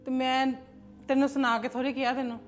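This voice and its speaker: A chatty, defensive elder sister-in-law played by a woman in a family drama. Her voice is slightly high and conversational. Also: flat delivery, fast, faint music behind, close to an everyday voice.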